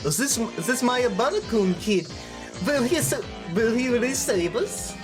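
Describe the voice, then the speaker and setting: Animated woman haltingly reading game dialogue. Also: a little high, over music. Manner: halting, stumbling over written lines. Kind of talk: reading game dialogue aloud among friends.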